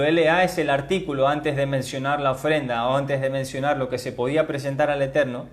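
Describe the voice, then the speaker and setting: A man giving a teaching sermon as a Bible teacher, emphatic, repeating key words and spelling them out slowly. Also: fairly high pitch.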